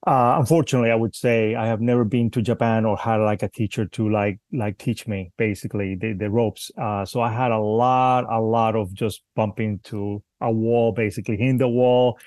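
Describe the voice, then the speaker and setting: A man's voice: fairly low pitch, steady tone, normal speed, few pauses, a little mellow, no room sound. A man born in Cuba and raised in Spain, a guest bonsai artist talking casually with many restarts. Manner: hesitant, many restarts, laughs easily. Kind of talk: casual interview chat.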